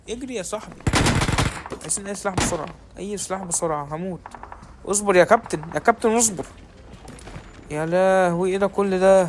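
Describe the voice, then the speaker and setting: A young man with an Egyptian accent giving quick, joking commentary while playing a shooter game. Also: high voice, noisy background. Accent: Egyptian Arabic. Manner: quick, joking banter at enemies and teammates. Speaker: gaming creator. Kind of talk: live gaming commentary. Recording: game gunfire in background. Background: loud gunshots and clicks.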